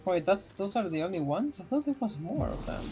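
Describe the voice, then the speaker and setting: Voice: medium pitch, very animated, brisk. Blunt player swearing at the game. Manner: blunt, swears when frustrated. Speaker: streamer playing a co-op game. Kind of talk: casual gaming chat. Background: game music.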